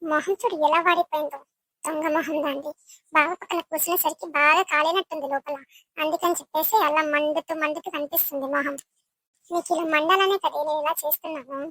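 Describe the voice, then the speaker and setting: A woman's voice: high-pitched, fairly even intonation, fast, fairly bright tone, dry recording, rough recording. A woman voicing a jealous, scheming young girl cousin in a village comedy skit, taunting and gloating. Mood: spiteful.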